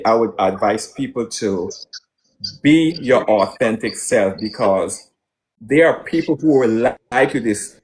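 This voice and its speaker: Musician from Guyana, halting and rambling. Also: male voice, medium pitch. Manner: rambling, hesitant with many restarts. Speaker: musician guest. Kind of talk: casual interview answers.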